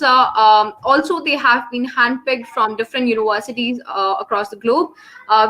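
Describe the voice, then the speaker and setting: Speaking through an online call microphone, this young webinar host presents a live online session for students in an Indian English accent. Her high-pitched voice sounds pushed and bright, and the recording is rough.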